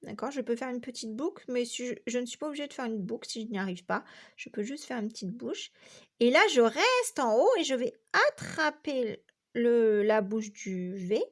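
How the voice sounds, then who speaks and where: A woman's voice: a little high, lively intonation, normal speed. A woman teacher from France giving a patient, step-by-step handwriting lesson to young children, counting each stroke aloud. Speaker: primary school teacher.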